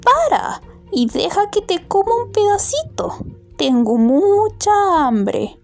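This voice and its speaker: A woman voicing a hungry old man in a children's story, asking slowly for a bite. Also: extremely high pitch, huge pitch swings, vocal fry, darkish tone, faint music behind, voice pushed up, full character voice. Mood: pleading.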